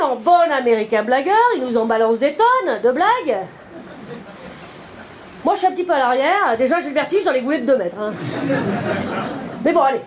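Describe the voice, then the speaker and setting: On a theater stage, a middle-aged woman stand-up comedian tells a self-mocking story in a high-pitched voice. The live recording carries loud audience laughter and a little hiss or hum.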